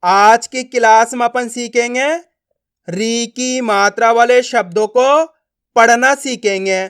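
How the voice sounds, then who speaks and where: A man teaching beginners to read, speaking with friendly classroom prompts and slow, drawn-out syllables. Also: very high voice, steady tone, fairly bright tone, clean tone. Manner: slow drilled pronunciation, repeated prompts to learners. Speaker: Hindi reading teacher. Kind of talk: classroom-style lesson.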